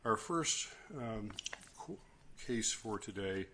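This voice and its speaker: Male judge, slightly deep voice, halting procedural announcements, slightly noisy courtroom recording. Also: animated. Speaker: presiding judge. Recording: faint noise and clicks.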